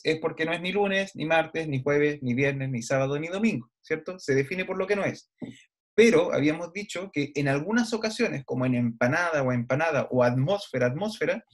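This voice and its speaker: A man gives an online lecture over a computer mic on a video call. His voice sits a little above the usual male range. He explains patiently, checks in with his class every few sentences and pauses on the odd hesitant filler. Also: on the high side. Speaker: university lecturer.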